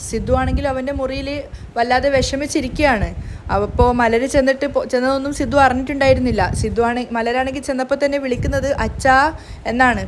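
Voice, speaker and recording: With a voice that sits high over a noisy background, a woman narrates a storytelling recap of a TV serial. She retells the scenes and reads the characters' lines in her own voice.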